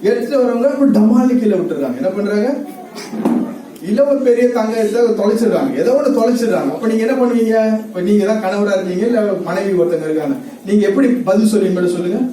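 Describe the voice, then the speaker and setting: High-voiced preacher in an echoey hall. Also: male voice, fast talker, recorded from a distance, crowd noise. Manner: asks the audience questions and repeats their answers; laughs often while talking. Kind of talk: sermon with questions to the congregation.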